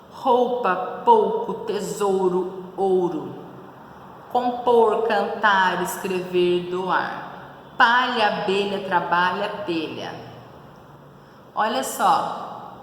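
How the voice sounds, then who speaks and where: A woman's voice: mid-range voice, fairly bright tone. Echoey São Paulo teacher woman. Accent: São Paulo Brazilian Portuguese. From São Paulo, Brazil. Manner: didactic, asks questions and answers them, checks in with "tá bom?". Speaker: schoolteacher. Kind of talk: recorded class lesson. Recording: very echoey roomy recording with faint noise.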